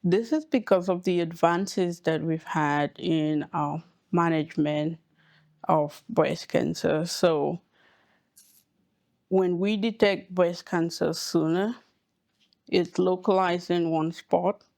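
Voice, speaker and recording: A woman from Cameroon speaks in a slow, careful podcast interview. Her voice sits a little low, and she explains with deliberate pauses between phrases. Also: creaky, a little mellow, no room sound. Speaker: hematologist oncologist guest.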